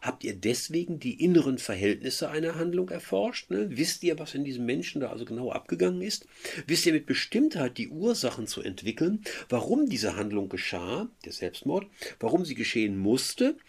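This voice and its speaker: A despairing young man pours out his feelings in sweeping, declamatory lines, as a teacher reads him aloud. The voice climbs high and falls away again. It has a rough, husky edge. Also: big pitch swings, moderate pace, full character voice. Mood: impassioned. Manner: impassioned, declamatory reading. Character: passionate young man lamenting his fate.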